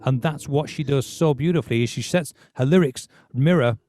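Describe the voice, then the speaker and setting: A man's voice: mid-range voice, brisk, dark tone. A man hosting a podcast, talking casually about music with many restarts. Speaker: podcast host.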